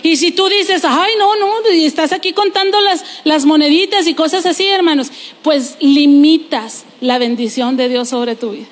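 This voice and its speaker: High-voiced woman pastor preaching. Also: normal speed, long reverb tail. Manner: lively preaching with testimony and playful asides. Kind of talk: sermon.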